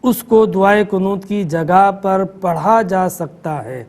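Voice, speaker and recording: A middle-aged man, a mufti answering callers' questions in a calm, explanatory manner. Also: sits high. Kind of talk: religious call-in answers.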